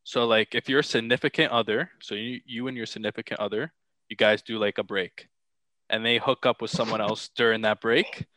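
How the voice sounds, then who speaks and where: Young male co-host, laid-back questioner, bright voice, dry sound. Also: fairly low pitch, fairly even intonation, normal speed, dry recording, poor audio. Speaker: podcast co-host. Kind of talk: casual chat.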